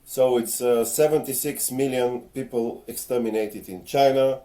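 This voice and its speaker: A slightly tipsy man lectures earnestly from his home, his voice dark and mellow at a middling pitch. He stops often to search for words with small hesitant fillers. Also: fairly even intonation, normal speed. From Bulgaria. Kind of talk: casual on-camera rant. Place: home, in front of a ring light.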